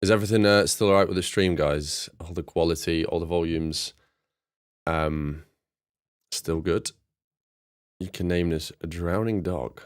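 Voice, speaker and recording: A man's voice: deep voice, steady tone, a little slow, clean tone, dry recording. A man producing music on a live stream, chatting casually with viewers and joking with dry sarcasm. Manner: dry sarcastic, laid-back, chats to viewers while working.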